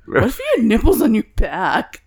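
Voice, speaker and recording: A woman's voice: fairly high pitch, big pitch swings, moderate pace, darkish tone, breathy edge. A young adult woman co-hosting a podcast, telling stories while laughing often and swearing casually. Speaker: podcast co-host. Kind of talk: casual chat.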